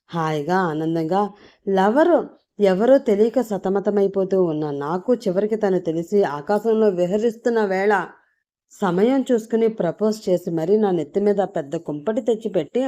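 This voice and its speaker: A woman's voice: medium pitch, expressive, moderate pace, mellow, natural voice. A woman voicing a stern, jealous young man who scolds and mocks sarcastically, in an audiobook story. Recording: dull lo-fi recording.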